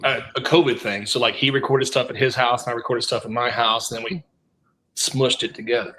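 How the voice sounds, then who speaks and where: A man's voice: medium pitch, steady tone, fairly quick, a crowd in the background, poor audio. A man, a musician guest, talking in a laid-back, easygoing way on a call. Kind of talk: casual chat on a video call.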